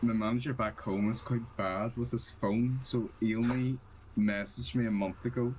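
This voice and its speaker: A man's voice: mid-range voice, steady tone, normal speed, darkish tone, slight background noise, low-quality recording. A young man from Ireland, a student, chatting casually and hesitantly, often trailing off. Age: young adult. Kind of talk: casual chat.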